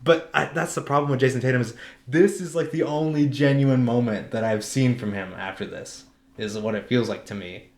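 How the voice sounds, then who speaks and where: A man's voice: mid-range voice, a little fast. A young man co-hosting a podcast, chatting casually about sports in a rambling way full of filler words. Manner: rambling, many "like" fillers, laughs often. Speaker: podcast co-host. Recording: echoey room.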